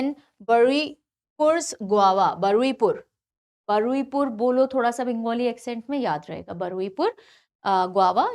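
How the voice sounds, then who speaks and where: A woman teaching an online exam-prep lecture, talking in an animated way, repeating key names and mixing English terms into her Hindi. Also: a little high. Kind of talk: online lecture for competitive exams.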